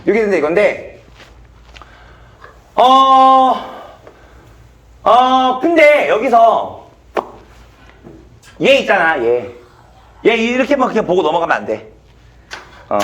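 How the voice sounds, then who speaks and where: A man's voice: high voice, sing-song, unhurried, pauses often, a bit bright, a little hiss or hum. A male math teacher giving a classroom lecture, blunt and swearing casually as he quizzes students.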